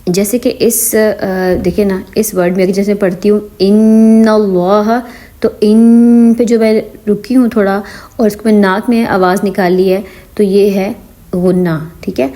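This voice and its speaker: A woman leads a patient online lesson on reading the Quran. Her voice is mellow and warm, set at a middle pitch for a woman. She blends English words into her speech and keeps asking whether each point is clear. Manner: mixes English words into Urdu.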